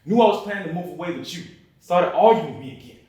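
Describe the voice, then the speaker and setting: A man's voice: high voice, lively intonation, fast talker, a little mellow. A man playing a brooding, guilt-ridden father. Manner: brooding, profane confession. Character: remorseful separated father who missed son's birthday. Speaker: student actor. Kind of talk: dramatic monologue. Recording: very echoey room, mic far off.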